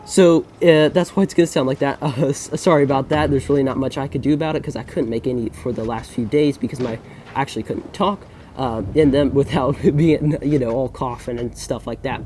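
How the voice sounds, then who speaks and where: A young man, congested from a recent cold, commentates casually over his own gameplay, rambling and often correcting himself with fillers. His mid-range voice is brisk and mellow. There is a little hiss or hum in the recording.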